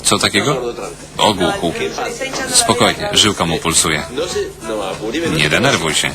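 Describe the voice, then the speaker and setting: A very low-pitched man reads a voice-over for a television drama. He speaks every character's lines in the same steady voice, without acting them. His intonation still moves up and down freely. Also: unhurried, a loud crowd. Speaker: voice-over reader. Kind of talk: Polish-style single-voice TV voice-over reading.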